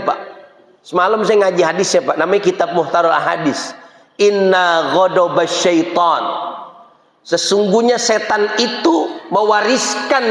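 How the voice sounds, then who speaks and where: Lively, high-voiced preacher man in echoey mosque. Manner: lively and joking, asks the crowd "bener gak, Pak?". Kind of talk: mosque sermon.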